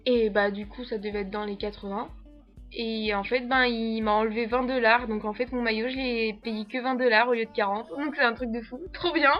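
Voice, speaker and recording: A French au pair in her young adult years talks casually to camera with a French accent, her voice a little high and fairly even in intonation at a normal speed. She rambles, filling gaps with fillers and giggling frequently. The recording is muffled, with soft music in the background.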